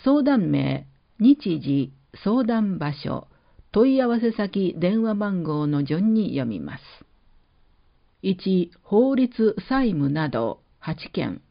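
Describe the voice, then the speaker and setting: A woman announcer reading public-service notices, with slow, measured, carefully enunciated list reading. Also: medium pitch, big pitch swings, gravelly. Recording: dull lo-fi recording.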